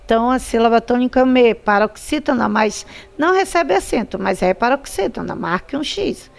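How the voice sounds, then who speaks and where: A woman's voice: fairly high pitch, lively intonation, vocal fry. A woman teacher with a Brazilian Portuguese accent, patiently explaining a lesson, drawing out syllables and repeating words for emphasis. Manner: drawn-out syllables, repeats words to stress them. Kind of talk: slow, patient classroom instruction.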